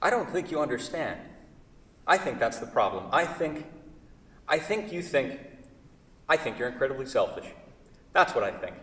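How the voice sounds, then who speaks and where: At a staged play reading, an actor delivers a theatrical monologue as an anguished, needy male woodworker, sounding accusing and intense. His medium-pitched, fairly bright voice is very animated, and he halts, repeats himself obsessively and corrects himself. He is recorded from far off in a theatre, so the hall sounds echoey.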